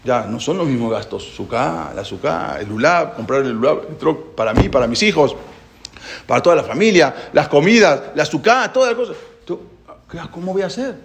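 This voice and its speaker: A man preaches in a gravelly, slightly high voice that swings widely in pitch. He tells a parable and acts out its characters as he goes. A faint hiss sits under the recording. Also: moderate pace. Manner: animated storyteller, voices characters. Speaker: rabbi giving a talk. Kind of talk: sermon with a told parable.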